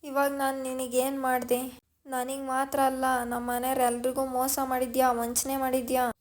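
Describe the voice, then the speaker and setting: Pallavi, a sharp accusing young woman, voiced by a woman. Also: high-pitched, completely flat delivery, normal speed, natural voice. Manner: accusing, confronting.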